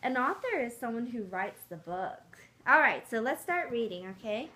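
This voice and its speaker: Lady reading storytime to little kids, really lively up and down voice, asks them questions, noisy room. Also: on the high side, normal speed. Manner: coaxing, asks the children simple questions. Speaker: adult reading to children. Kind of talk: reading a picture book aloud to young children.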